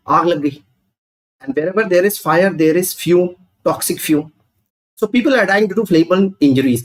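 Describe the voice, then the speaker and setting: A man with a North Indian accent teaching an exam review class, posing questions and answering them in a didactic way. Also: sits high. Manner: didactic, asks questions and answers them, repeats key points; mixes Hindi phrases into English. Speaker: medical lecturer. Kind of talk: exam review lecture, live online class.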